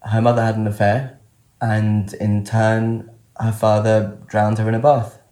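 Disguised deep voice of a young man. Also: monotone, dark tone, reverberant. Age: late 20s. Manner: reflective, halting, searching for words. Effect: voice disguised, altered deep to hide identity. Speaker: guest telling his own story. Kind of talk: candid personal account.

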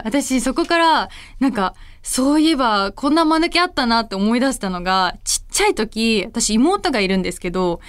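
A woman hosts a late-night radio show in a high, lively voice, chatting casually and reading listener mail. Her talk is bubbly and animated, and she is quick to laugh. She is recorded dry and close on a studio microphone. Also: no echo. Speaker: radio host and singer.

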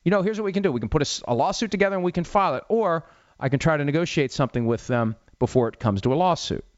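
A man's voice: on the high side, expressive, fast, no room sound. A middle-aged man talks through a sports story as a talk-show host. He is casual and wry and breaks legal points down plainly. The mic is close and dry with a slightly dull, lo-fi sound.

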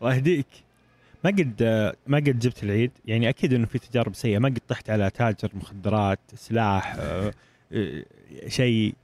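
A man's voice: on the low side, fast talker, darkish tone. A man hosting a casual interview, throwing in short questions and quips. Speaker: host.

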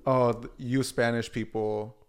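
A young man from Mexico, guesting on a podcast, speaks at a middle pitch. He answers in a measured, thoughtful way and sometimes stops to rephrase. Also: flat delivery, clear, resonant tone. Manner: measured, thoughtful, corrects himself. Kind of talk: casual chat.

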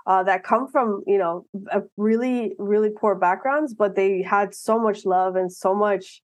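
A woman in her thirties from Miami, talking as a guest in a casual interview, earnest and animated, often restarting her sentences. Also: medium pitch, measured pace, dry recording. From Miami, United States.

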